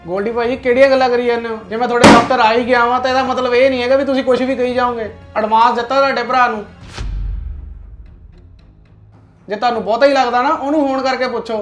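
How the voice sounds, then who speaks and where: A man's voice: very high-pitched, little pitch movement, over music. An actor playing an aggrieved businessman demanding his advance back, speaking insistently with a Punjabi accent. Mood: furious. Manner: insistent, quick to anger. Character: aggrieved male businessman, hot-tempered creditor. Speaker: client owed an order. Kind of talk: web drama acting.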